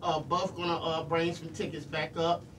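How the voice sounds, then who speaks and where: On his casual live radio program, a middle-aged man speaks earnestly and in plain everyday language, repeating himself between shout-outs. His higher-pitched voice is flat and at normal speed. The small indoor studio is recorded noisily from a distant microphone.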